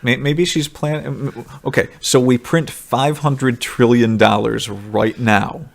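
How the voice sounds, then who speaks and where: A man in casual political talk, making deadpan sarcastic jokes. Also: medium pitch, slow, gravelly. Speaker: podcast co-host.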